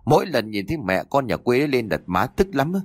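A man voicing a spiteful, scornful middle-aged mother-in-law, nagging venomously and fast in a storybook reading. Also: medium pitch, sing-song, no echo.

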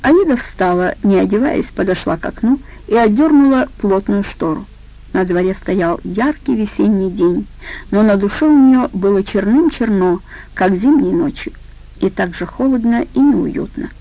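A woman narrating a crime audiobook in a steady, even storytelling manner. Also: medium pitch, moderate pace, low-quality recording.

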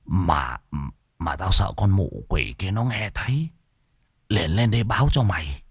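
A man voicing a frightened, hungry older brother who speaks in a low, hushed whisper. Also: expressive, moderate pace, breathy edge, no echo, studio quality, exaggerated voice. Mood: terrified whisper.

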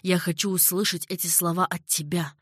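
A woman voicing a passionate young nobleman who is in love, speaking low, hushed and earnest. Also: fairly even intonation, a little fast, husky, dry recording, studio quality. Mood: anguished.

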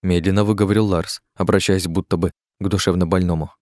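Male narrator, very deep, measured storytelling, dry close sound. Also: steady tone, a little mellow, no room sound. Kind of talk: audiobook narration.

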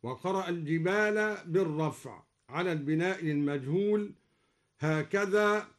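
A man with an Egyptian accent, a Quran scholar on live radio, explaining reading variants and chanting each verse slowly and melodically. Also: fairly high pitch. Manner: alternates plain explanation with slow melodic recitation. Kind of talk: explanatory talk with slow chanted Quran examples. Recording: live radio broadcast recording.

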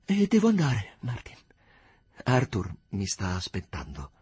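A man's voice: fairly low pitch, huge pitch swings, a little slow, darkish tone, breathy edge, full character voice. A man voicing a refined young woman in an audiobook, reproachful and pressing with questions. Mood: cool. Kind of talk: audiobook character reading.

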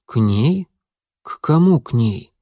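Audiobook figure: a bewildered man, voiced by a man, slow and unsure, close and dry. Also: medium pitch, sing-song, warm tone, dry recording. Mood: confused. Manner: slow, hesitant, confused questioning. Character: bewildered man trapped in another body.

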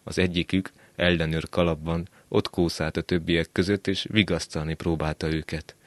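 A man reading a short story aloud on a literary radio show, measured and quiet. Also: low voice, level tone, dry recording. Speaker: reader.

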